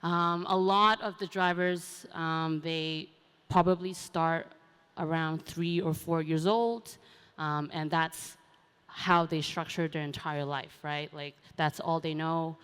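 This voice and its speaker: A young woman from Hong Kong talks casually on a conference stage, filling her sentences with "um" and "you know." Her voice is smooth and clear and sits a little low. Her words ring with the long reverb of a large hall. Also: fairly even intonation, slow, fairly bright tone. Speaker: panel speaker, racing driver. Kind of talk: conference panel talk.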